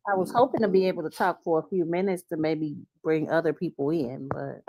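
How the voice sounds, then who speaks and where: A woman's voice: deep voice, brisk, background noise. A woman co-hosting a casual livestream chat, outspoken and confrontational with callers. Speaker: co-host.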